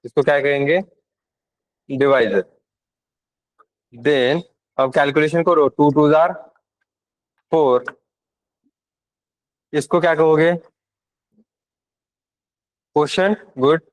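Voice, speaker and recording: A young man lectures a class, mixing terms into his talk and checking often that students follow. His voice sits a little high, and the recording is dry and close. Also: takes it slowly, long pauses, no room sound, low-quality recording. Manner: asks the class questions, mixes in English. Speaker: teacher.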